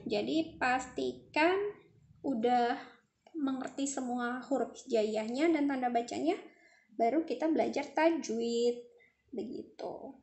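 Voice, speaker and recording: A woman gives a casual reading lesson, patiently saying each letter sound over and over so learners can hear the difference. Her voice sits a little high. The room around her is roomy and echoing. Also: takes it slowly, darkish tone. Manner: patient, demonstrates letter sounds by repeating them. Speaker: Quran reading teacher.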